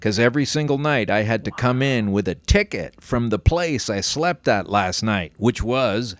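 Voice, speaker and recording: A man telling a long story as a guest, rambling with halting restarts and swearing. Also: fairly low pitch, no room sound. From Canada. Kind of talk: casual storytelling.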